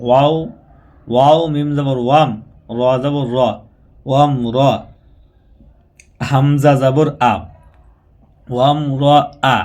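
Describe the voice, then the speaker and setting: A man with a medium-pitched, darkish voice gives a spoken tutorial on reading the Quran. Patient and repetitive, he spells out syllables and chants them, slowing down and drawing them out as he demonstrates.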